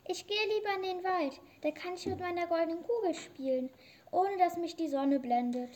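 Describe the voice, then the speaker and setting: A very high, girlish princess who wheedles and scorns by turns, voiced by a woman. Her fairy-tale radio-play delivery is petulant and spoiled. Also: moderate pace, darkish tone. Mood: dismissive. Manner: haughty and petulant. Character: spoiled young princess, youngest daughter, haughty.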